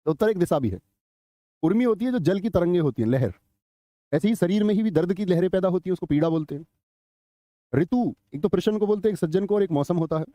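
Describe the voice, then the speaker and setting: Man, live online class teacher, high voice, dry close sound. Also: lively intonation, fast, dark tone, dry recording. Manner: conversational, quizzes students, reads chat comments aloud. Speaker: Hindi teacher.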